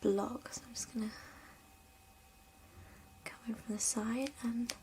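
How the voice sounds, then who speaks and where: A woman playing a hairdresser in an ASMR roleplay, talking in a soft, slow, gentle whisper with occasional spoken lines. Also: a little high, steady tone, noisy background.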